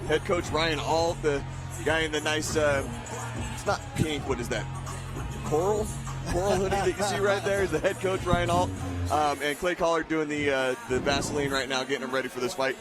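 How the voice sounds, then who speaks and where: A man's voice: a little high, fairly even intonation, normal speed. A man giving conversational, enthusiastic live commentary as a fight commentator. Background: music.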